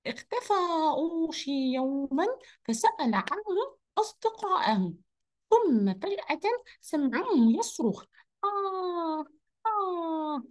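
A woman's voice: very high voice, takes it slowly, pitched above the performer's own voice, full character voice. Woman voicing Oudi, a cheerful rabbit. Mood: storytelling. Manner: lively, upbeat, speaks to children. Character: cheerful energetic male rabbit storyteller. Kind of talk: children's online lesson role-play.

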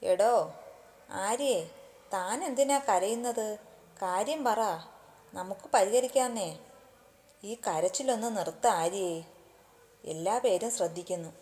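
A woman's voice: medium pitch, measured pace, long pauses, a little mellow, lightly acted. Woman voicing a teasing young male coworker. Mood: coaxing. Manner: jokey, coaxing.

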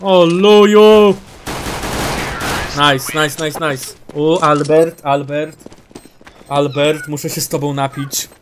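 A man giving excitable live commentary on his own shooter match, shouting callouts, swearing and mocking his teammates. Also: on the high side, slow pace, background noise.

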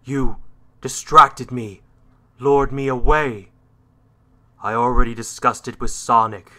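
A man's voice: medium pitch, fairly even intonation, slow, sharp tone. A man voicing a brooding, edgy hedgehog antihero in a cartoon style, proud and menacing, with a curt, scornful delivery. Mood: commanding, angry. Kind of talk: fan character voice reel, dramatic cartoon acting.

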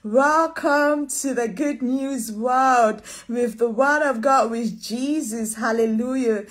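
A woman's voice: a little high, takes it slowly. A woman in her thirties from Cameroon, preaching and greeting viewers by name during a live-streamed church session, close to a phone camera in a small room.

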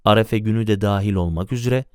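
A man narrates an audiobook in a measured, formal reading voice. His tone sits on the lower side and comes across smooth and resonant. The close studio recording is dry, with no room sound. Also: darkish tone, no echo.

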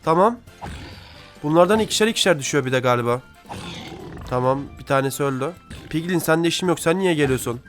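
A man's voice: a little high, expressive, quick pace, long pauses. A young man giving casual, slangy let's-play commentary, talking back to the creatures in the game as he plays. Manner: chatty, talks to the game mobs, slangy. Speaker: gaming YouTuber. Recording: music faint behind voice.

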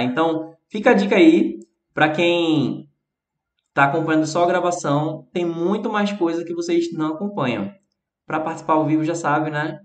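Brazilian male English teacher, high-pitched, casual live chat delivery, roomy echo. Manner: chatty, reads chat messages aloud and answers them. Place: alone at home, livestreaming. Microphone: phone.

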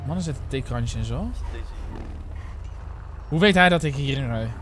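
A man's voice: medium pitch, expressive, normal speed, fairly bright tone, faint music behind. A young man in his twenties with a Netherlands Dutch accent, chatting casually and swearing as he streams a roleplay game to viewers. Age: 20s. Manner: chatty, slangy, swears often, talks to viewers.

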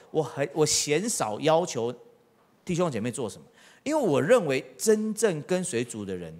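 A middle-aged man preaching a sermon as pastor, telling stories with acted-out quotes and rhetorical questions. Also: on the high side. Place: church.

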